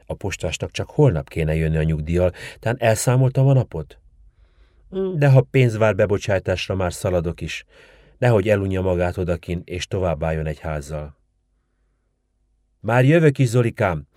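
Fussy sharp-tongued old village woman, voiced by a male storyteller, dark low tone. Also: no room sound, studio quality, natural voice. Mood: fussing. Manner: scolding, folksy and bustling.

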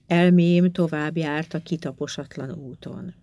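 A woman reading a first-person story aloud in a calm, measured, subdued way. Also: deep voice, dry recording. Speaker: audiobook reader. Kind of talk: first-person audiobook narration.

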